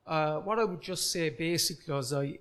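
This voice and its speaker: This is a man in his forties with a Cork Irish accent, talking casually as a comedy podcast guest. His voice sits slightly high, and he comes across earnest and self-deprecating. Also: fairly quick, a bit bright. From Ireland, Cork City. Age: 40s. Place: comedy club recorded live.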